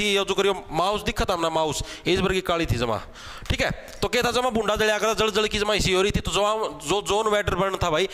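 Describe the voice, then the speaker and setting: A young man with a Haryanvi accent teaches an exam-prep class online, talking in a fairly high voice. He jokes and teases, builds memory tricks around the answers, and keeps checking in with his students as he goes. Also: fairly bright tone. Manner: chatty, teasing, repeats "theek hai" as a check-in.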